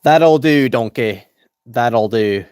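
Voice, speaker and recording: A man voicing a grumpy, gruff male ogre as a playful impression. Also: medium pitch, slow pace, darkish tone, no room sound, clean studio sound, lightly acted. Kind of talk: playful impression on a live stream.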